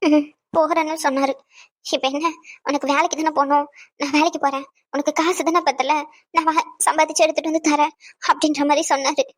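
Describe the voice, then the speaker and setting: A woman's voice: high voice, level tone, fairly quick, pauses often, no echo, lightly acted. A woman voicing an upset young married granddaughter in a cartoon, talking in a hurt, pleading way. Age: young adult. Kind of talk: cartoon voice acting.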